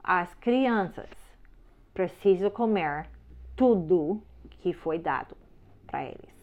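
A woman's voice: lowish voice, lively intonation, takes it slowly. A woman teaching parents in a firm, simple way, often checking in with listeners. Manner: simple, slightly broken phrasing. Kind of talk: instructional talk. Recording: slightly dull lo-fi sound.

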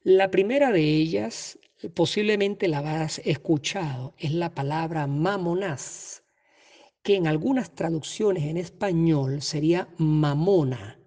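Husky-voiced teacher in a reverberant space. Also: medium pitch, darkish tone. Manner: measured, with frequent hesitations and self-corrections. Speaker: Bible teacher. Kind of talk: explanatory lesson. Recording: long reverb.

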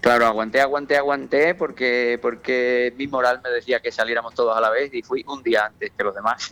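A man's voice: lowish voice, fairly bright tone. Middle-aged Spanish man on a phone line. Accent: Spain Spanish. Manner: halting, repeats words and restarts often. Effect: heard over a telephone line. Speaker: guest angler interviewed on a radio show. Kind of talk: casual phone interview.

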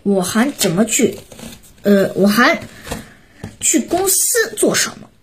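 A woman's voice: on the high side, very animated, slow pace, a little hiss or hum. A woman voicing a glum storybook father. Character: stern man, a worried father.

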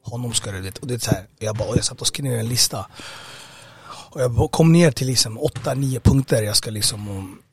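A man's voice: mid-range voice, slightly rough, no room sound. A man giving a personal testimony in an interview, speaking hesitantly with many fillers and restarts. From Sweden. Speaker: interview guest.

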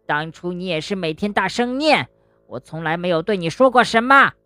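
A woman's voice: on the low side, animated, normal speed, pushed and bright, dry recording. A woman voicing a cross, tearful young male animal in a children's bedtime story, sulky and whiny. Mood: indignant. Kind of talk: storybook voice acting.

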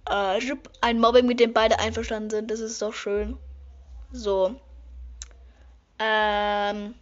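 A teenage girl chatting casually while doing her makeup, sometimes breaking into high excited squeals. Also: slow, lo-fi sound. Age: teens. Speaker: vlogger. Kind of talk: casual makeup vlog chat.

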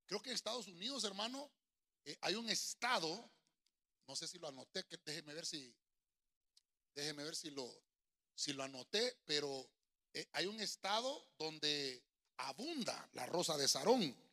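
Male pastor, middle-aged, bright, sharp tone, lively sermon delivery in a church. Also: a little high, a little slow, long pauses. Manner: sings choruses, addresses listeners as brother.

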